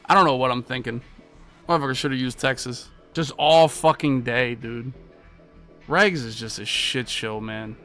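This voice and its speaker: Soft background music plays while an American streamer in his thirties narrates his gameplay at a normal speed, swearing and frustrated. His voice is mid-range and a little bright, and he's in a small indoor room set up with monitors.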